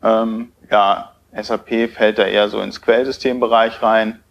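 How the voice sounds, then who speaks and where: A man's voice: on the low side, flat delivery, a little slow, vocal fry, lo-fi sound. Hesitant man giving a tech talk. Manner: hesitant, many filler sounds. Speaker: conference speaker. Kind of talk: technical conference talk. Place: lecture hall at a podium.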